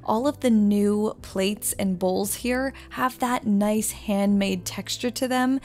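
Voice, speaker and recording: A woman's voice: mid-range voice, takes it slowly, a little mellow. A young adult woman and interior designer giving upbeat, enthusiastic voice-over about home decor finds. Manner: upbeat, enthusiastic product commentary. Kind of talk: voice-over shopping narration.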